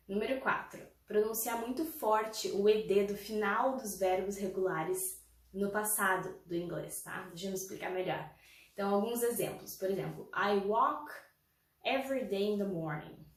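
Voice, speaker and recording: Woman teacher, patient drills, voice heard from across an echoey room. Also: mid-range voice. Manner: patient, explains with repeated examples and frequent "tá?" check-ins. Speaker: English teacher. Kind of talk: pronunciation lesson. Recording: roomy, from a distance.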